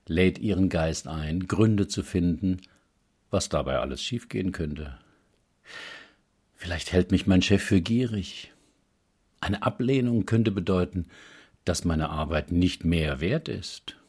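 A man calmly reading a self-help text aloud in a measured, explaining manner. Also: deep voice, husky.

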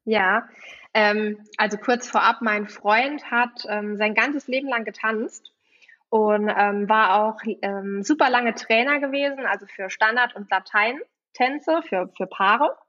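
A woman in her 20s from Saarland, Germany, appears as a guest on a podcast interview, where she works as a wedding officiant. She's giggly and chatty, uses many fillers, and has a bit of a cold. Her voice is a little high, measured in pace, pushed and bright, and the audio sounds dull.

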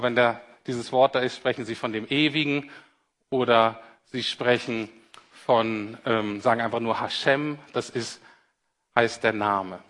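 A man's voice: on the high side, bright, forceful tone. A man preaching a sermon, earnest and explanatory, addressing listeners directly as "you". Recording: long hall reverb.

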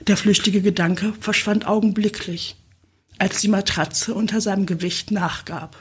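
A woman narrates an erotic audiobook in a slow, sensual reading. Her voice is breathy and soft at a middle pitch, with long unhurried phrases. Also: steady tone. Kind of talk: scripted narration of an erotic novel.

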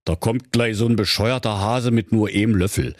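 A man's voice: on the low side, moderate pace, no room sound, studio quality, close to an everyday voice. A man voicing a scheming male Mettigel in a comic radio fairy tale, with a Berlin accent and a smug, slangy way of talking. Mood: sly.

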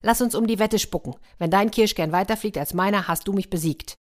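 Woman doing a storybook dragon, playful, challenging, higher voice, loud. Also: a little fast, natural voice. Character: playful boastful dragon tired of fighting. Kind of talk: children's story reading.

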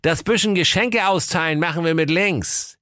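A man's voice: a little high, normal speed, bright, forceful tone, no echo, clean studio sound, voice pushed up. Man doing a sly bossy wolf. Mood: bossy scheming. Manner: snappy, bossy, impatient. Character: sly bossy male big bad wolf.

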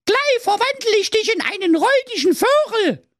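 A cranky, shrill evil fairy, as a man puts her on in a comedy storybook. She scolds and cackles in a falsetto pitched far above a normal voice, leaping wildly up and down in pitch. The sound is dry and close. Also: sing-song, normal speed, fairly bright tone, no echo, exaggerated voice. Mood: shrill scolding.

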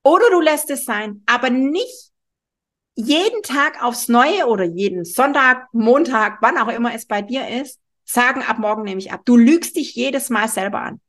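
A woman's voice: a little high, lively intonation, unhurried, a bit bright. A middle-aged woman hosting a podcast, talking straight to the listener in an emphatic, strict way with a frequent questioning "ja?". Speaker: podcast host, weight-loss coach. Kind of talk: monologue podcast, direct address. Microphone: studio microphone.

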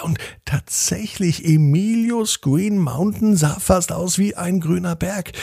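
A man tells a bedtime story in a gentle, expressive manner. His voice is dark, husky and gravelly, recorded close and dry. Faint music plays underneath. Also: high-pitched, dry recording.

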